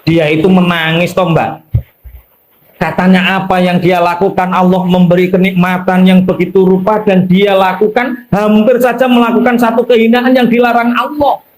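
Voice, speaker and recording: A Javanese-accented male preacher telling a story as a sermon. His delivery is lively and joking, broken up by frequent asides to his listeners. His voice sits unusually high. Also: moderate pace, roomy sound, slight background noise.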